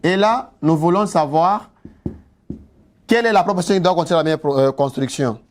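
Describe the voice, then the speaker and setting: A man teaching an exam-prep lesson, slowly repeating key words and asking his students rhetorical questions. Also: on the high side, a little hiss or hum. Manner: slow and deliberate, repeats key words, spells out terms; asks the class rhetorical questions.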